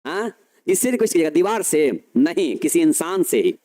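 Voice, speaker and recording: A male teacher giving a grammar lesson, explaining slowly, repeating key phrases and answering his own questions. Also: fairly high pitch, very animated, dark tone.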